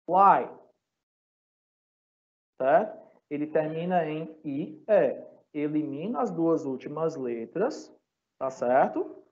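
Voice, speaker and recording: A Brazilian man teaches an English grammar lesson at a very slow, deliberate pace, his voice sitting a little high for a man. He spells out letters one by one and keeps checking that his students are following. The recording is dull and lo-fi. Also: expressive, mellow. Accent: Brazilian Portuguese. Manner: patient, checks in constantly with "tá?" and "certo?". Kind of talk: recorded online class lesson. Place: classroom or home for a live online class.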